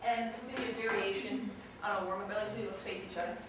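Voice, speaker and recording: A woman's voice: mid-range voice, fairly even intonation, racing. A young woman leading a theatre workshop, chatty and demonstrative, talking to a group of students. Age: young adult. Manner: chatty, demonstrative, jumps into loud yelled examples. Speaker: acting workshop leader. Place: large echoey room. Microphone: distant camera mic. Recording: echoey room from far off, noisy.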